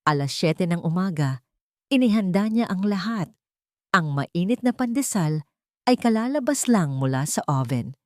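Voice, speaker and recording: Reading a scripted dramatic story, a woman uses her lowish, somewhat mellow voice animatedly and keeps a moderate pace. The sound is clean studio audio, dry throughout.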